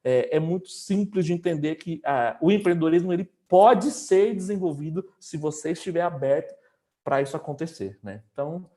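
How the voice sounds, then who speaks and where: Casual interview guest: high-pitched man, rambling anecdotes. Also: normal speed, warm tone. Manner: storytelling, many fillers. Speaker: guest entrepreneur.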